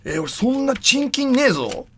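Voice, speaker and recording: A man streaming live, chatting casually in rough slang with loud exclamations while he handles and examines an object. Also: very high voice, sing-song, moderate pace, slight background noise.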